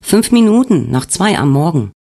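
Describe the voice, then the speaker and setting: A man voicing a calm, reassuring female hospital nurse in an audiobook. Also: deep voice, normal speed, voice pushed up, heavily acted.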